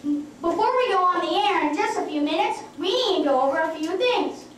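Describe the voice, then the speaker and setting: A woman's voice: extremely high pitch, animated, a little fast, very echoey, recorded from a distance, a little hiss or hum. A woman playing a fussy male dwarf acting as master of ceremonies. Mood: formal. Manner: announcing, formal.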